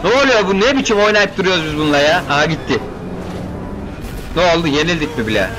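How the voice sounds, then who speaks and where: A young man commentating his own game playthrough, joking, excitable and chatting to the characters on screen. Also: on the high side, fast, noisy background. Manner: keeps saying "brother" as a filler. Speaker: gaming video host.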